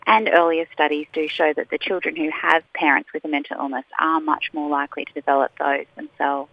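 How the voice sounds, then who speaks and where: A woman's voice: deep voice, steady tone, fairly quick, vocal fry, no room sound. Australian woman on a dull phone line. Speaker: charity chief executive, phone-in guest. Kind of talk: radio interview. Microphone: telephone.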